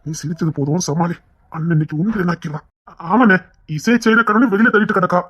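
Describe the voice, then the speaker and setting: Husky-voiced woman doing all the family parts in a serial, scolding then sweet. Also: fairly low pitch, quick pace, fairly bright tone, dull audio. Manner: switches between brotherly scolding and tender coaxing. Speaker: storyteller voicing a whole family.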